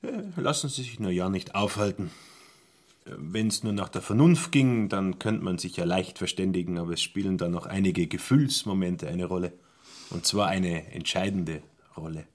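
A man's voice: low-pitched, moderate pace, darkish tone. An actor playing a smug, self-satisfied young man in a radio play, matter-of-fact in tone.

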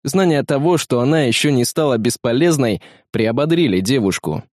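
A man reading an audiobook in steady, even scripted narration on a close mic. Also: medium pitch, moderate pace, no echo.

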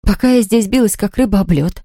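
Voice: mid-range voice, brisk, mellow, no room sound, voice pushed up, lightly acted. A narrator voicing a distraught woman who owns a ruined house, reading in a dry, close studio recording. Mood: overwrought. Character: distraught middle-aged woman, homeowner, near hysterics.

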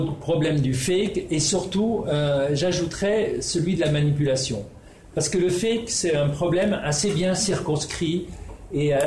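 A man presents his research in a halting way, full of fillers and restarts. His voice is mellow and warm. It sounds like an echoey room with faint background ambience. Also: a little high, a little hiss or hum. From Netherlands. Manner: hesitant, many fillers and restarts. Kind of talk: spoken presentation.

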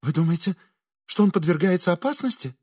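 A man voicing an anxious, sentimental middle-aged woman fortune-teller who pleads in a hushed, breathy way. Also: high voice, expressive, fairly quick, dry recording, studio quality, pitched above the performer's own voice. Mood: anxious pleading.

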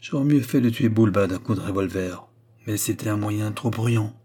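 A man voicing a calm, solemn old mystic in a storybook reading, low and slightly husky. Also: normal speed. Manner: calm, grave, blessing tone.

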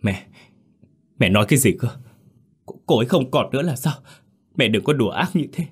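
A man's voice: deep voice, moderate pace. A man voicing a young man who is frantic and heartbroken, pleading and crying out in an audio story. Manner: pleading, rising to anguished shouts.

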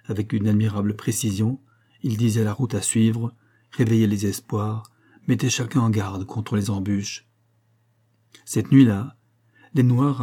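A man reading an adventure novel aloud in an even, deliberate storytelling manner. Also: on the low side, husky. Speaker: narrator.

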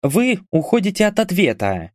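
A man's voice: high voice, wildly swooping pitch, normal speed, no room sound, clean studio sound, pitched above the performer's own voice. A man voicing a skeptical young woman accountant who asks pointed questions. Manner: displeased, questioning.

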